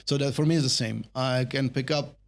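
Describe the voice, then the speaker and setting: Talking a little fast with some vocal fry, this medium-pitched middle-aged man from the Czech Republic is a brand marketer guesting on a podcast. With a Czech accent, he discusses his career in a casual, thoughtful, rambling way full of restarts.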